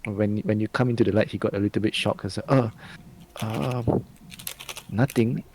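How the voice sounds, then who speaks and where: A man, narrating a tabletop game as game master in a loose, halting way. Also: fairly low pitch, flat delivery, darkish tone.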